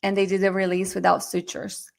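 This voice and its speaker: Fast-talking woman teaching a webinar. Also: mid-range voice, completely flat delivery, vocal fry, darkish tone. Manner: fast, chatty, addresses audience directly. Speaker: myofunctional therapy instructor. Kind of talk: live online webinar lecture.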